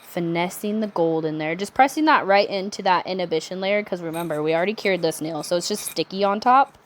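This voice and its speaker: A young adult woman talking through a nail art tutorial in a chatty, relaxed way, with self-correcting asides. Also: lowish voice, a little fast. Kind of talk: casual step-by-step tutorial narration.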